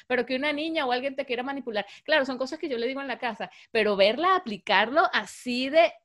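A woman in her thirties chatting casually, telling lively stories about her children and acting out their voices, with English words mixed in. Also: high-pitched, quick pace. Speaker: podcast co-host. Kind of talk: casual chat.

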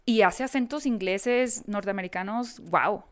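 A woman's voice: mid-range voice, a little slow, smooth. A Mexican woman who interviews actors, chatting casually and animatedly, often correcting herself mid-sentence. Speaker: entertainment interviewer. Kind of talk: casual podcast chat.

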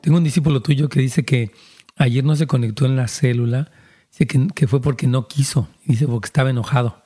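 A man's voice: medium pitch, steady tone, brisk, warm tone, breathy edge. A man, a pastor giving earnest counseling talk and speaking directly to listeners.

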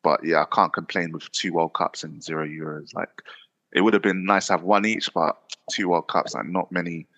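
Laid-back deep-voiced Englishman, roomy sound. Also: fairly even intonation, normal speed, a bit bright. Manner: rambling, filler-heavy, laughs often. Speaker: podcast co-host. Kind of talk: casual football chat.

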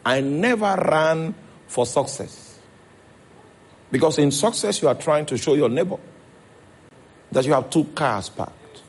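A man's voice: on the high side, expressive, measured pace, pauses often, slightly rough. A man with a Nigerian accent preaching a sermon as pastor, checking in with his congregation as he goes.

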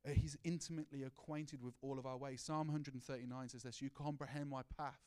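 A man's voice: mid-range voice, steady tone, quick pace, a little mellow. A man preaching a sermon in an earnest, personal way, asking the congregation questions and sharing his own story. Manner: earnest, personal, with many restarts and rhetorical questions.

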